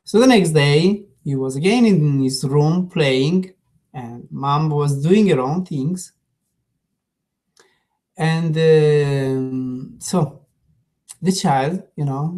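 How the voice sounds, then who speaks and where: A man giving a spiritual talk, telling a parable in an unhurried way with gentle pauses. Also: fairly high pitch. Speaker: spiritual teacher.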